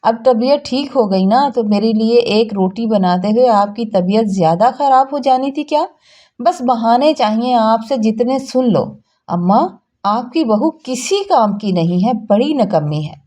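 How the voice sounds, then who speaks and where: A spoiled young sister-in-law, put on by a woman narrator, with a raised, mellow voice that snaps out every word in scorn. She sounds rude and sure of herself in this storybook reading. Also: on the high side, animated, measured pace. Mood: scornful. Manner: scornful and snapping.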